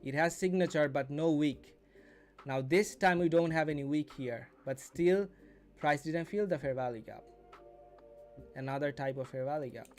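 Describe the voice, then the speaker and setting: Faint music plays behind a man in his twenties who mentors viewers on a casual day trading live stream, teaching, chatting, and rephrasing as he goes. His voice runs high and slightly mellow, at a moderate pace.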